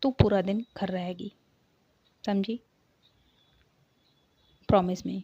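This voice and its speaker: A stern, suspicious middle-aged mother scolds her grown daughter, as a woman storyteller voices her. She speaks slowly with a gravelly, dark tone. The audio is dry and dull, like a lo-fi home recording. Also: medium pitch, fairly even intonation, no room sound. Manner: scolding, curt.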